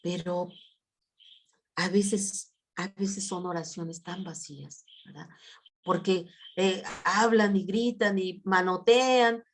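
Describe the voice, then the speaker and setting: A woman's voice: on the low side, steady tone, takes it slowly. A middle-aged woman preaching a sermon in a conversational way, often asking for agreement and repeating words as she acts out sample prayers.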